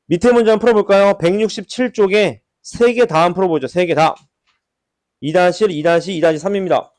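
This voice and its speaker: A man's voice: high voice, brisk, darkish tone. A man teaching a math class at the board, who keeps checking in with rhetorical questions and repeats key words for emphasis. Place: classroom at a whiteboard.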